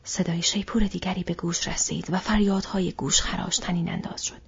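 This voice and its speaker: A woman narrating a fantasy story as an audiobook in whispered role-play, with a steady, breathy whisper. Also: fairly low pitch, dull audio.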